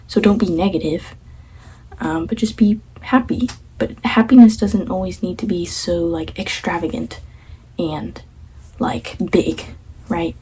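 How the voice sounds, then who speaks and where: A young woman vlogging, talking through her thoughts in a casual, reflective way, often repeating herself and drifting into soft half-whispered asides. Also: fairly low pitch, slight background noise, low-quality recording.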